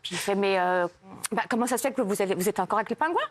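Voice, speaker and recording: A woman's voice: medium pitch, racing. A woman telling jokes on a TV comedy show, hesitating often and giggling at her own stories. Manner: hesitant, many "euh" fillers, giggles. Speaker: joke teller. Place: TV studio.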